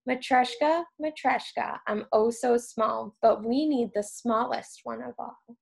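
A woman's voice: on the high side, unhurried, vocal fry, a little mellow. A woman voicing a tiny, cheerful female nesting doll who speaks in a sing-song chant in a storybook reading.

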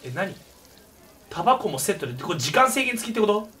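A man giving excitable gameplay commentary with loud, shouted reactions. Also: high-pitched, brisk, far from the mic, a little hiss or hum. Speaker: gaming YouTuber.

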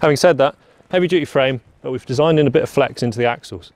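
Outdoors on a lawn, a young male product presenter gives a straightforward, practical walkaround of a farm machine, often saying "very, very". His mid-pitched voice is quick and darkish, with no echo.

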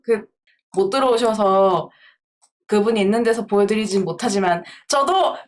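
A woman's voice: medium pitch, normal speed. A woman chatting casually on a livestream, playful and giggly as she talks to her viewers. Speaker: live streamer.

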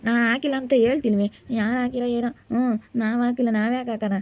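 A woman's voice: fairly high pitch, steady tone, fast talker, no room sound, natural voice. A woman voicing a village boy who defends his sister in a pleading, defensive way. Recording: dull recording from off-mic with faint noise.

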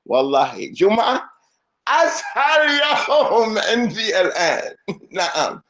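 A man's voice: high-pitched, big pitch swings, takes it slowly, fairly bright tone, a little hiss or hum. A man teaching a lesson in a mosque as imam, playful and joking, switching between Arabic and English. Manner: playful, mixing Arabic and English, laughing asides. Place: mosque hall. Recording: echoey mosque hall, dull sound.

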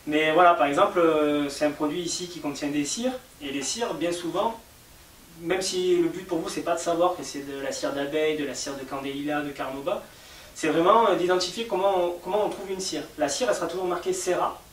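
A man's voice: on the high side, fairly even intonation, a little fast. Patient French man explaining, echoey room. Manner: patient, explains step by step with many fillers. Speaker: cosmetics maker interviewed. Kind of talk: explanatory interview talk. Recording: echoey room, mic at a distance, faint hiss.

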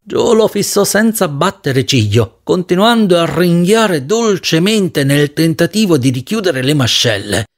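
A man narrating a novel as an audiobook, reading in an expressive, dramatic way. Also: fairly high pitch, vocal fry.

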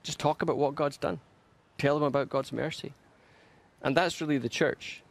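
A man's voice: on the high side, fairly even intonation, normal speed, creaky. A male pastor preaching a sermon, earnest and emphatic, building momentum through repeated phrases. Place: church.

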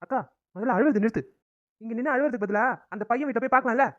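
Brisk young brother, as a man voices him. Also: very high voice, a bit bright. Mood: urgent. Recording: dull, lo-fi recording.

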